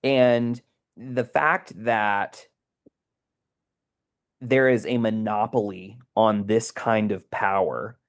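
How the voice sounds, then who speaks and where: A man's voice: fairly low pitch, fairly even intonation, takes it slowly, pauses often. A man hosting a podcast discussion, talking earnestly and often checking in with "right?". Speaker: podcast host. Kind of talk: casual discussion.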